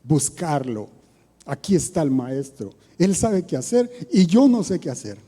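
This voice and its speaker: A man with a Costa Rican accent preaches a sermon in a chatty, questioning manner. His voice sits a little high but sounds dark and mellow. A long church reverb trails behind every phrase. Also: very animated, measured pace, slightly rough. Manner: conversational preaching with rhetorical questions.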